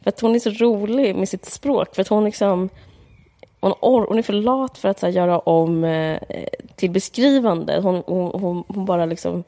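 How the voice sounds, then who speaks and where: A woman's voice: mid-range voice, mellow. A woman chatting casually about a book, rambling with many fillers and speaking candidly and mockingly. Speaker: podcast co-host discussing a book. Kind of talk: casual chat.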